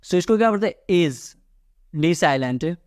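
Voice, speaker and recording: A young man with an Indian accent teaching a lively lesson, asking his viewers rhetorical questions and calling them guys. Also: on the high side, normal speed. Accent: Indian English. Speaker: English teacher. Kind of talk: classroom lesson.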